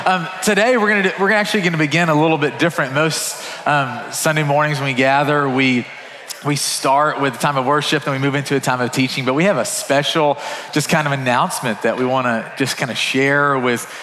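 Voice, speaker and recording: A man's voice: mid-range voice, fairly even intonation, brisk, fairly bright tone, slight background noise. A male pastor speaking casually at a pulpit microphone, upbeat and full of fillers and restarts. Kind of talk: church announcement from the front. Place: church sanctuary. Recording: long church-hall reverb.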